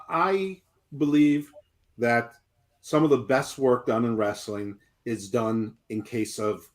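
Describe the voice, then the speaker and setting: A man's voice: mid-range voice, a bit bright. Fifties male co-host, mid voice, rambling jokey chatter. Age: 50s. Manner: rambling, jokey, self-interrupting. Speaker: podcast co-host. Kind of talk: casual wrestling chat.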